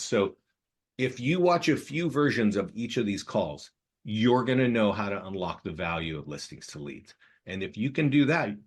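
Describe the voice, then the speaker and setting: Man, webinar host, husky, low voice, rapid, restarts a lot. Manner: rapid, repetitive, restarts often. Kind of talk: fast live training pitch.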